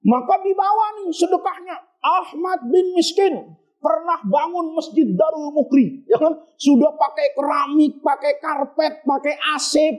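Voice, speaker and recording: A male preacher telling a sermon story, animated, asking questions and answering them himself, sometimes bursting into shouts. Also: very high voice, lo-fi sound.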